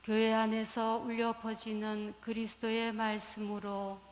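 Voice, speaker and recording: A woman introducing a church service with a solemn, even reading in a cathedral echo. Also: a little high, a little slow, slight background noise. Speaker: mass commentator. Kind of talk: formal liturgical introduction. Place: large church. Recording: echoey church hall with long reverb.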